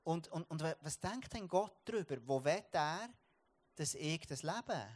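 Storytelling Swiss preacher, fairly high voice. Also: male voice, expressive, unhurried. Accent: Swiss German. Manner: storytelling, repeats and restarts words. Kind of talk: sermon.

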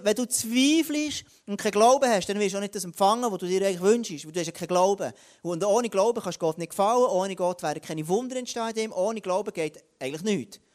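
A high-pitched man preaching. He delivers his sermon in a lively way, giving the biblical figures their own voices and dragging out key words for weight. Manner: lively, acts out biblical voices, varies pace for emphasis.

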